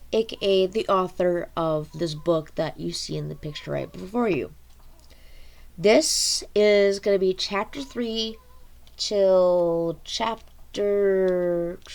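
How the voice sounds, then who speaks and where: A woman reading her own story aloud in a halting, casual way with frequent restarts. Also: fairly low pitch, gravelly.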